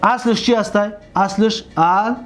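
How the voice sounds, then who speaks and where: A man with a Tajik accent teaching a classroom grammar lesson, reciting word forms in drills and asking and answering his own questions. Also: sits high.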